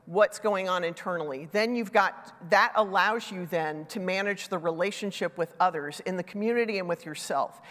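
On the low side and a bit bright, this middle-aged woman's voice runs at normal speed with hardly any pauses during a conversational conference talk on a large, dark stage. Using a headset mic, she's slightly congested from a sinus infection and makes self-deprecating asides, with the hall sounding reverberant.

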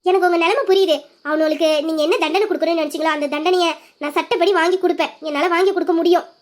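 A steady, protective older sister who serves as a police officer, as voiced by a woman in an audio drama. Her voice sits high but she talks in a firm, reassuring way. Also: racing. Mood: firm reassurance. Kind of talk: Tamil audio drama acting.

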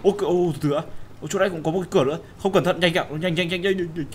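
A young man with a slightly high voice talks his way through a horror game as a gaming host. He yelps and shouts at the scares and drops to a mutter while sneaking. A faint hiss of noise sits under the recording. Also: steady tone, racing. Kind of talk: horror game let's play commentary.

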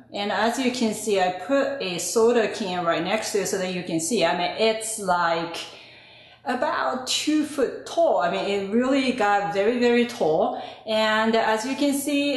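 A woman host casually narrating a home gardening video in a conversational, hesitant way, in a very echoey room. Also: a little high. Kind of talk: casual narration of a plant update. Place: echoey indoor room with bare walls.

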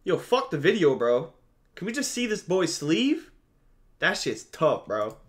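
A man's voice: on the high side, very animated, a little slow. A man in his twenties giving casual live reaction commentary from his bedroom on a headset mic, talking in loose slang with plenty of swearing. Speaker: streamer reacting to a video.

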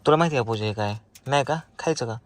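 A man's voice: medium pitch, very fast. A man making a casual family vlog, talking to viewers and coaxing and scolding small children as he films. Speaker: vlogger.

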